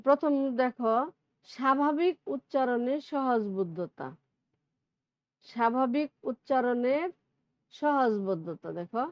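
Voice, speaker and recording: A woman with a Bangladeshi Bengali accent teaches a grammar lesson at a very slow, patient pace, asking her students questions as she goes. Her voice sits a little high. The recording is dry and close, with a dull, lo-fi sound. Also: no room sound. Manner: patient, explains step by step with questions.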